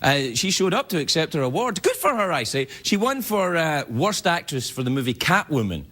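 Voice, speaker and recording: Fairly high-pitched and very animated, this Scottish host in middle age moves at a moderate pace through a wry comedy monologue that pokes fun at himself. He's in a television studio, and the live audience is loud behind him.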